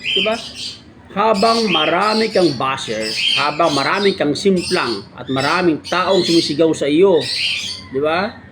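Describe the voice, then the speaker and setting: Guy on his vlog doing a fake pep talk, sarcastic, high-ish voice, keeps asking right?, noisy outdoors with birds. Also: unhurried. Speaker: motovlogger. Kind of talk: mock motivational monologue.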